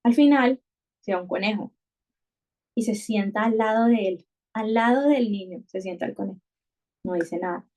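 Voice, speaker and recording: A woman's voice: mid-range voice, normal speed, long pauses, warm tone. A woman hosting a conversation. She speaks thoughtfully, often restarting and repeating words as she works through an idea. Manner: thoughtful, many restarts and repetitions. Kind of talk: reflective conversational podcast talk.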